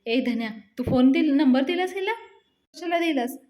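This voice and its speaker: A woman voicing a brash young village man who scolds in loud, snappish retorts. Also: high voice, moderate pace, lightly acted. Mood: scolding.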